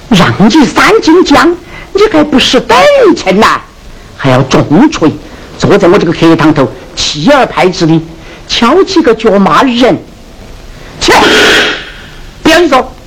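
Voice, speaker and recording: Mocking Sichuan opera innkeeper. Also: medium pitch. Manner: mocking, scolding, sing-song delivery. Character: sharp-tongued comic innkeeper scolding a poor scholar. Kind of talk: Sichuan opera stage acting. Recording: noisy 1970s film soundtrack.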